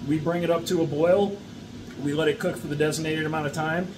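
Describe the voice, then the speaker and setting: A man's voice: a little high, brisk. A middle-aged man, a mushroom farmer, gives a casual how-to talk to the camera indoors, checking in often with "okay?" and "all right?". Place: indoor farm room with grow shelves. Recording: steady background noise.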